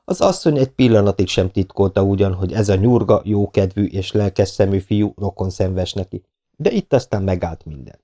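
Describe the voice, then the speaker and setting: A man narrating an audiobook in a steady, measured reading. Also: sits low.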